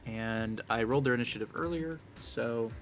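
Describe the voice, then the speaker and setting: A man narrating as game master of an online tabletop game, slow and halting, with many fillers. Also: medium pitch, fairly bright tone, soft background music.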